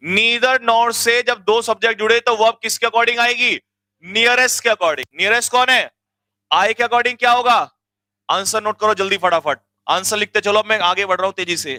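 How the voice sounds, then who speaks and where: In an online exam-coaching lecture, a man teaches grammar with lots of energy, pushing his students to hurry and quizzing them with repeated questions. His voice is high-pitched and the recording is dry.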